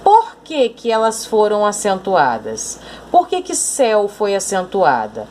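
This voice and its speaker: A woman teacher with a Brazilian Portuguese accent, explaining a school lesson slowly and deliberately and often pointing things out. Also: mid-range voice, wildly swooping pitch, a little mellow, a little hiss or hum.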